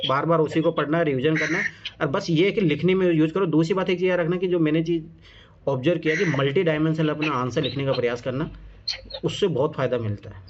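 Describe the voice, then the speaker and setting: A man coaching students on answer writing, casual and encouraging, repeating his reminders. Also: fairly high pitch. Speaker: exam coach reviewing answer copies. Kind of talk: informal coaching talk. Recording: muffled lo-fi sound with clear background noise.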